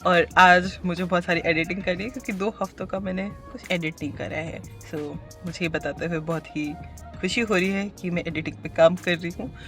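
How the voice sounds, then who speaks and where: A woman from India vlogging in a casual, chatty way. She mixes English phrases into her Hindi and tries to keep her pace slow and calm. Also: on the low side, music in the background. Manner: tries to talk slowly and calmly. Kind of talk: casual vlog chat to camera.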